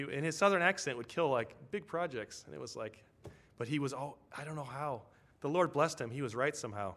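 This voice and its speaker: Man of medium pitch preaching casually, telling stories and checking in with the congregation. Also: a bit bright. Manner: storytelling, with tag questions to the congregation. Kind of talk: conversational sermon.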